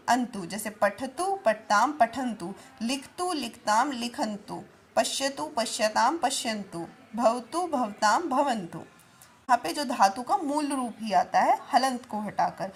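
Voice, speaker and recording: A woman teacher, reading Sanskrit lines aloud and then explaining each one in a lesson. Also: fairly high pitch.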